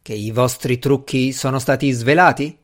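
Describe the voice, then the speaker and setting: A man's voice: medium pitch, moderate pace, lightly acted. A man doing a pompous asylum doctor. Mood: contemptuous. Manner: contemptuous, pompous. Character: haughty, contemptuous male asylum doctor.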